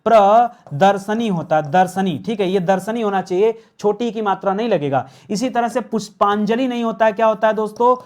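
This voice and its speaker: A man's voice: sits high, a little fast, few pauses, darkish tone. A man teaching an online grammar class. He asks his viewers questions, answers them himself and repeats the key words.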